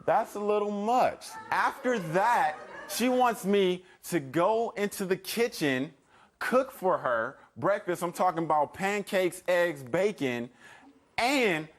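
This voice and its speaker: A man's voice: sits high, animated, slow. A man testifying as a litigant in a TV court, protesting in a rambling, repetitive way and acting out quotes. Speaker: husband, litigant in TV divorce court. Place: TV courtroom studio. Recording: TV courtroom with faint noise.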